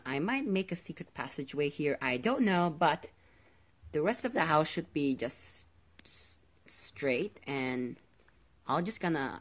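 A gaming video host giving casual commentary while playing, often repeating words and phrases. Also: medium pitch.

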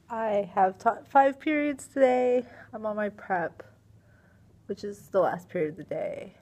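Here a young woman, a middle school science teacher, has a mid-range voice with a darkish tone. Sitting at her desk in a small classroom, she chats into her laptop webcam for a casual video diary, sounding sleepy, worn out and slightly strained, rambling, sighing and using lots of fillers.

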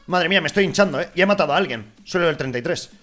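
A young man from giving casual, excitable gameplay commentary, swearing and swinging from mutters to shouts. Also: on the high side, very fast, soft background music. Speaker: gaming YouTuber.

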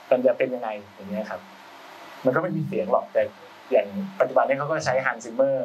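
A film sound designer appears as a guest on a casual talk show, chatting loosely with lots of slang and restarted sentences. His voice sits in the mid range and the sound is lo-fi, a bit distant from the mic with faint background noise.

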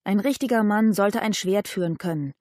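A woman's voice: medium pitch, moderate pace, darkish tone, dry recording, clean studio sound, natural voice. A woman voicing a frustrated young boy squire who longs to fight, speaking in a pleading, indignant way.

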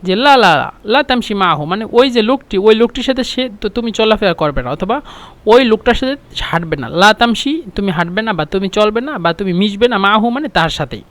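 A man, teaching a spoken Arabic lesson patiently, repeating phrases and filling pauses with "meaning". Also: high voice, lively intonation, a bit bright.

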